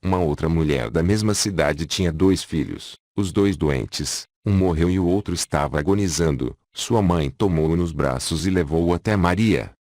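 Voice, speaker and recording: Male audiobook narrator, very deep and dry, measured and solemn. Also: expressive, a little mellow, no room sound. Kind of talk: scripted narration.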